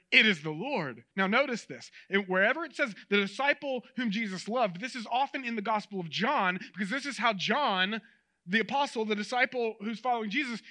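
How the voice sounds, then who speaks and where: High, bright-voiced male preacher. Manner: conversational and animated, addresses the audience directly. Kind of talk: sermon.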